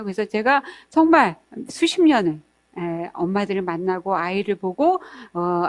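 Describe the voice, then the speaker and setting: A middle-aged woman giving a parenting lecture, earnest and explanatory, repeating words for emphasis and acting out parents' and children's voices. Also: mid-range voice. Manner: acts out parents' and toddlers' voices in lively quotes.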